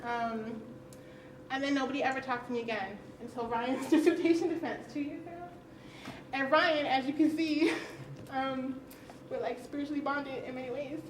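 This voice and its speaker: A woman's voice: high voice, fairly even intonation, normal speed. A woman speaking frankly and conversationally on a conference panel, often laughing as she talks. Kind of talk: candid personal talk at a roundtable. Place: conference session room. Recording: roomy, distant, faint hiss.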